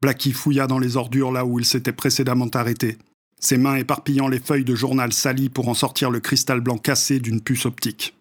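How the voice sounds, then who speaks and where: A male narrator reads a story aloud. His voice sits at an ordinary middle pitch. He keeps a steady, measured reading pace throughout. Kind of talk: audiobook narration.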